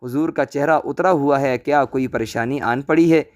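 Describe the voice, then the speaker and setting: A man voicing a scheming old woman in a storybook tale, flattering one moment and hurling curses the next. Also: mid-range voice, natural voice. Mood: wheedling. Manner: flattering, then shrieking curses. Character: scheming old crone, wheedling and loud.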